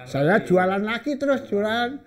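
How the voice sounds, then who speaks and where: A man's voice: high-pitched, expressive, measured pace, crowd noise. An older man, a veteran comedian, telling a funny anecdote, acting out the voices in it and laughing at his own jokes. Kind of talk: storytelling stand-up comedy.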